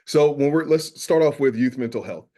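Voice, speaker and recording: A man from New York with a Southern drawl, a school safety specialist presenting a webinar, earnest and filling pauses with "uh". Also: mid-range voice, warm tone. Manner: earnest, many "uh" fillers.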